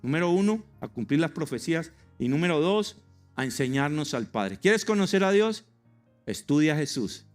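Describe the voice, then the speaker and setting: A man's voice: fairly high pitch, sing-song, moderate pace, faint music behind. A male pastor preaching a sermon in an emphatic way, firing rhetorical questions with humorous asides to a congregation.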